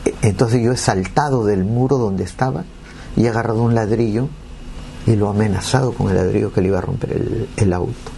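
A man's voice: on the low side, a little fast, gravelly, warm tone, slight background noise. A man, giving an earnest, emotional personal testimony.

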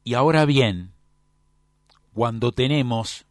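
A man's voice: mid-range voice, slow, no echo, clean studio sound. A man teaching a lecture, often checking with his class.

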